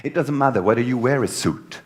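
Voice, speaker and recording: A man's voice: medium pitch, a little fast. A man giving a humorous contest speech on a conference stage, telling a comic story with big swings in his voice.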